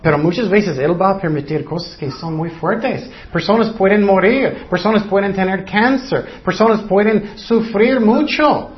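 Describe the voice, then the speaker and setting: A man's voice: high-pitched, a little slow, hardly any pauses, dull audio. A man preaching a sermon in plain, repetitive words, acting out short quotes.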